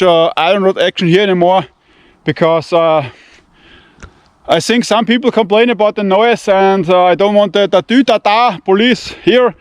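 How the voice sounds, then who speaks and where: This man's voice is high, clear and resonant, with no echo. Hosting a knife-testing channel, he strolls through fields and vineyards for a casual vlog, speaking blunt, profane, broken English in a non-native Austrian German accent.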